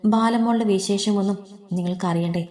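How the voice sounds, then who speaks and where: A woman's voice: mid-range voice, fairly even intonation, a little fast, a little mellow, soft background music, close to an everyday voice. Woman voicing a sick, tearful young mother. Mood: pleading. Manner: pleading, tearful.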